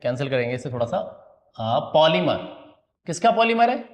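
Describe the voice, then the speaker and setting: A man teaches a biology class at a slide board, asking questions and answering them himself while repeating key terms. He calls students "beta" and checks that they follow, speaking in a slightly high, sing-song voice at a moderate pace.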